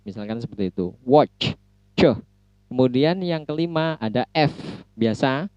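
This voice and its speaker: A man's voice: mid-range voice, lively intonation, a little mellow, clean tone, no room sound. Male phonology teacher, dry close sound, patient repeater of sounds. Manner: repeats sounds slowly, demonstrating mouth positions. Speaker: English phonology lecturer. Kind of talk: classroom explanation. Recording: muffled lo-fi recording.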